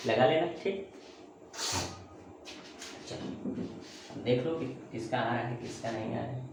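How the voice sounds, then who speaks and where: A man's voice: mid-range voice, slow, vocal fry. A male teacher explaining a math lesson to students, calling them beta and voicing their questions himself. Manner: calls viewers beta and bachcha, voices students' questions himself. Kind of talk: classroom math lesson on video. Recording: very echoey room, faint ambient noise.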